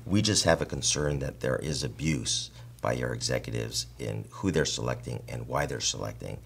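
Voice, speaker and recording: Man, extremely low pitch, creaky gravelly voice, frank and deliberate interviewer, politely challenging. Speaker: interviewer representing department members. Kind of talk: interview questioning with long statements. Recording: clear background noise and hum.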